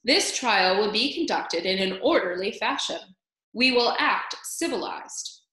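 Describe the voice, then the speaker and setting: A woman's voice: medium pitch, lively intonation, a little slow, bright, forceful tone. Woman playing a stern, pompous head mouse, echoey. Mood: stern, formal. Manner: pompous, formal, commanding. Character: stern, formal elder male head mouse presiding at trial.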